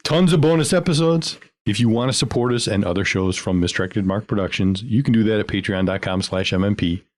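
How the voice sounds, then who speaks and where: A man's voice: deep voice, steady tone, quick pace, no room sound. A male podcast host reading a list of patron names and titles in a playful, announcing way. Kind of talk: reading patron shout-outs.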